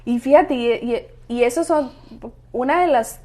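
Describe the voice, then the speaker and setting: Middle-aged lady co-hosting a church talk, kinda high voice, gets emphatic and preachy. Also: unhurried, warm tone. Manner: earnest, emphatic, preacherly rises. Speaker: co-host of women's ministry talk. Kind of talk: casual faith talk.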